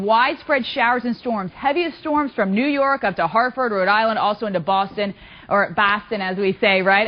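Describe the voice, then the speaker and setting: A woman giving a cheerful, chatty weather forecast on a morning TV show, joking with the host. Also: on the high side. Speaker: meteorologist co-host. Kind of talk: bubbly weather forecast with banter. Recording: dull lo-fi TV broadcast audio.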